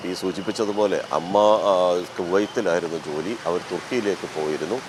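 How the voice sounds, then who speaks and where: Deep-voiced man reporting live outdoors. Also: noisy background. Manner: measured, with frequent filler pauses. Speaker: field reporter.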